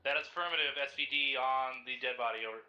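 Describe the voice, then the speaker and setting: A man's voice: medium pitch, fast talker, sharp tone, dull audio. A man in a military simulation game making squad reports in radio procedure, over a crackly military radio. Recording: faint crackle and clicks.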